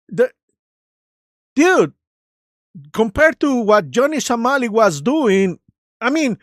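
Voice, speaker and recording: A livestream host giving casual, improvised commentary in a halting, searching way, with a mocking, sarcastic and combative manner. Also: medium pitch, no room sound, clean studio sound.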